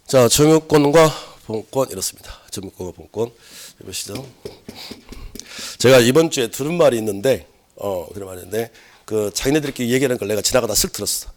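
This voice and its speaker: A man giving a classroom law lecture, loud and lively, quizzing the class, slightly hoarse from a cold. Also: mid-range voice, fairly quick, a little hiss or hum. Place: lecture room.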